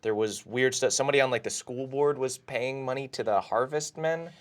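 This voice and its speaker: A man's voice: medium pitch, a little fast, a crowd in the background. A man chatting casually as a player in a tabletop game, talking through plans with the group. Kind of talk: casual chat while playing. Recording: faint background noise.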